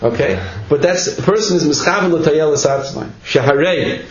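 A man's voice: fairly high pitch, moderate pace. A man teaching a text study class, reading passages and explaining them in an informal way, often asking "right?". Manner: informal, repeats words, asks "right?" often. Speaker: teacher giving a Torah class. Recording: echoey room, dull lo-fi with faint noise.

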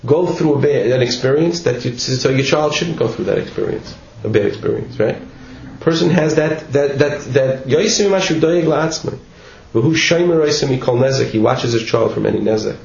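Gravelly, a little mellow, and medium in pitch, this man speaks at a moderate pace with hardly any pauses while teaching a Torah class. He reads and informally explains passages, repeating words and often asking "right?", in an echoey room captured as dull, faintly noisy lo-fi.

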